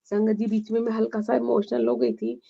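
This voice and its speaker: A woman giving a heartfelt, thankful devotional testimony, speaking in a halting way. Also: fairly high pitch, level tone, creaky, background noise. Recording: dull lo-fi audio.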